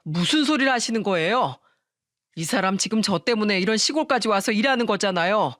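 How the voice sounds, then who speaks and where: A woman's voice: medium pitch, lively intonation, a little fast, a bit bright, no echo, clean studio sound, natural voice. A woman voicing a husband who firmly tells his mother to stop and defends his wife. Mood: exasperated. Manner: firm, pleading.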